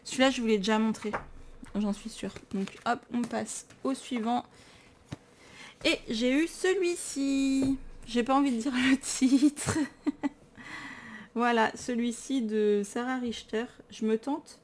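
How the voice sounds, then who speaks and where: Taking it slowly, with a fairly high pitch, a tired French-accented woman vlogs about her books. The talk is casual, chatty and enthusiastic, with plenty of self-mockery.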